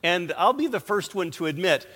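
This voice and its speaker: A man's voice: high voice, lively intonation, fairly bright tone. A man with an American English accent, which carries into his German, preaches as a guest in short phrases. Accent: American English, also when speaking German. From born in Germany, lives in America. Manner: slow, halting German with hesitations. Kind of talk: sermon in short phrases for an interpreter. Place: large reverberant hall. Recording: long hall reverb.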